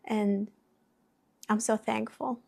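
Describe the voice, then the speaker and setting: A woman with a somewhat high voice shares a personal story on her vlog. She speaks slowly and reflectively, with heartfelt warmth and a non-native English phrasing. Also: steady tone, creaky. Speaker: vlogger.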